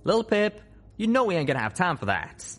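A man's voice: high-pitched, sing-song, brisk, fairly bright tone, voice pushed up, heavily acted. A man doing a wisecracking drawling pegasus stallion. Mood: wry. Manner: drawling folksy slang, wry. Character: young male pegasus pony, folksy wisecracking friend.

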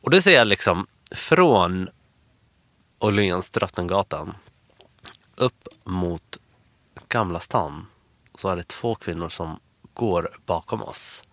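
Man, lowish and bright, lively storyteller on a podcast, dry sound. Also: pauses often, dry recording. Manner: animated storyteller, acts out quotes. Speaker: guest, hairstylist. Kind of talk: casual interview chat.

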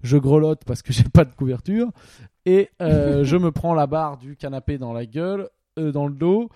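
A young man chats on a home podcast, rambling through crude jokes with constant fillers and restarts. His voice sits a bit high but sounds mellow and relaxed. The mic is close and dry. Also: normal speed, dry recording. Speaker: podcast co-host. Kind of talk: casual chat. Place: home during lockdown. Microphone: studio microphone.

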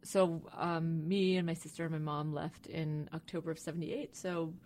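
A woman's voice: deep voice, little pitch movement, moderate pace, darkish tone. A woman in her forties, originally from Iran, talking as a scientist guest on a podcast in a thoughtful, hesitant way. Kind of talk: podcast interview.

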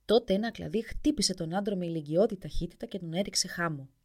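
A woman narrating a folk tale in an expressive storybook reading. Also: fairly low pitch.

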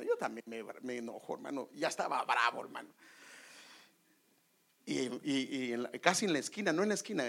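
A middle-aged Guatemalan preacher man tells a story from the pulpit, his voice husky with a gravelly edge. He speaks in a Guatemalan Spanish accent, swinging his pitch up and down in a lively way. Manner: animated storytelling, drops to whispers for inner thoughts. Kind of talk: sermon with personal story.

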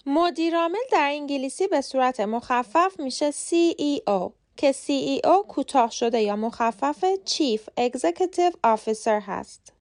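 A woman hosting a short podcast lesson, speaking Persian natively and spelling out English words letter by letter with slow, careful pronunciation. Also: high voice, expressive, a little mellow. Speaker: podcast host and English teacher.

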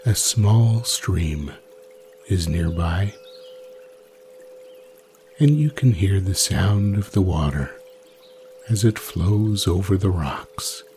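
A man narrating a guided sleep meditation like a sleep story, soothing and unhurried, with long pauses between phrases. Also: sits low, expressive, mellow, a little hiss or hum.

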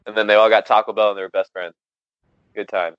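A man's voice: fairly low pitch, fast talker, clear, resonant tone, dry recording, dull audio. A man casually telling a wild story on a podcast, swearing constantly and laughing often. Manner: profane, laughing, animated storyteller.

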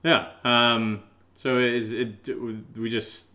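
A man who co-hosts a podcast and writes audio dramas rambles hesitantly through loosely connected thoughts in a casual question-and-answer chat. His voice is medium-pitched and steady, with a slow pace and a bright, forceful tone.

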